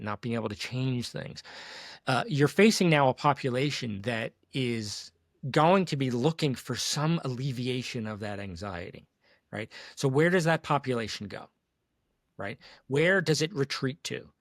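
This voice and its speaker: A man hosts a casual, opinionated conversation in a mid-range voice. He feels his way emphatically through ideas and often tags them with a quick question. The recording is dry. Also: medium pitch, expressive, no echo. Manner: emphatic, searching, checks in with tag questions. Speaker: discussion host.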